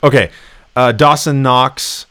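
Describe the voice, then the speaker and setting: A man hosting a sports podcast in casual, animated chat, laughing often. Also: mid-range voice, slow pace, smooth, no room sound. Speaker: podcast host.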